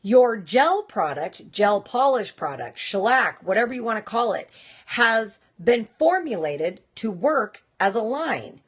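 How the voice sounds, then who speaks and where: Woman, live-stream host, casual talk, direct and chatty, somewhat high voice. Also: very animated, unhurried, breathy edge. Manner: chatty and direct, reacting to viewers.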